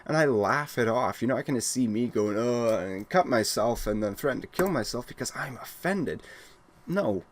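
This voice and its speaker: A man's voice: mid-range voice, lively intonation, normal speed, a little hiss or hum. A young man from Wales ranting at home, blunt and exasperated, often restarting his sentences. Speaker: gaming channel host. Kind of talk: casual ranting monologue.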